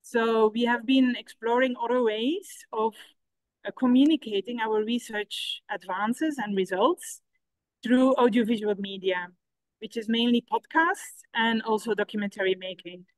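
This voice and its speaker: A middle-aged woman from Belgium speaks over a video call, explaining her research project in a measured, explanatory way. Her voice sits a little high for a woman and sounds close and dry, with no room around it. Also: steady tone, dry recording, poor audio. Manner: measured, explanatory, some restarts.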